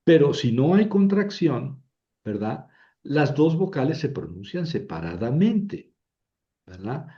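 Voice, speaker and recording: A man teaching ancient Greek grammar, patiently spelling out syllables and often checking in with a quick tag question. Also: a little high, sing-song, muffled recording. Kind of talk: slow classroom explanation.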